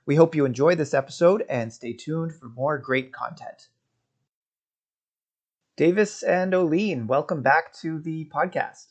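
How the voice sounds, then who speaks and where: A man hosts a podcast interview, putting questions in a friendly, informal way full of fillers and restarts. His voice is fairly high and his pace a little slow.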